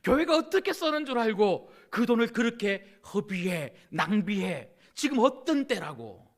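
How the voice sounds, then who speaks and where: A man voicing a scornful, skeptical man who mocks a churchgoer with rapid-fire incredulous questions. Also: high voice, big pitch swings.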